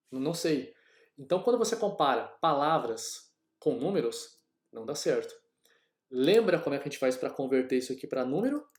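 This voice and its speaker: A man's voice: fairly high pitch, a little mellow. A man from Brazil teaching a coding lesson, talking casually through each step aloud to his class. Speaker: programming teacher. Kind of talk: screen-recorded coding lesson. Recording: echoey room.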